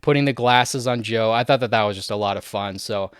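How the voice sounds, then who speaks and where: Chatty young man with a smooth voice. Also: on the low side, a little fast, no echo, clean studio sound. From Canada. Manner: chatty, laughs often, many fillers. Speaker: MMA fight commentator. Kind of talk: casual fight breakdown.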